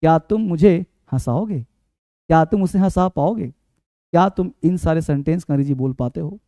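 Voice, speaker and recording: A male teacher with a high voice runs an energetic spoken-English lesson, coaxing his students and repeating words to drill pronunciation. He sounds close and dry, with no room around him. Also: moderate pace, no room sound.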